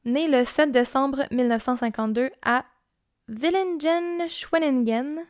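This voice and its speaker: High-voiced Québécois woman telling a story. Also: steady tone, moderate pace, dry recording, clean studio sound. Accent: Québécois French. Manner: casual, chatty storytelling with frequent fillers. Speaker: podcast host and storyteller. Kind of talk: true-crime podcast narration.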